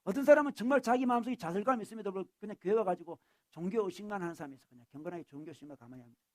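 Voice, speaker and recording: A male pastor gives a lively sermon and keeps shifting into acted voices for the people in his text. His voice sits high for a man and moves quickly. The sound is close and dry. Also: no echo. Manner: animated, acts out the scripture figures. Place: church.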